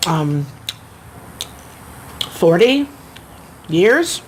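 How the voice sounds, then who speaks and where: A woman's voice: on the low side, very animated, extremely slow. A middle-aged woman from Florida chatting casually while eating on camera outdoors at her home, rambling between bites. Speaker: mukbang vlogger. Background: faint outdoor ambience, construction noise.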